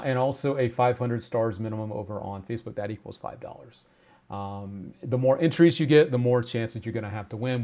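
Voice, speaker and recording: A man's voice: fairly low pitch, darkish tone. A man hosting a live-streamed giveaway show, talking casually and full of stunned exclamations and laughter.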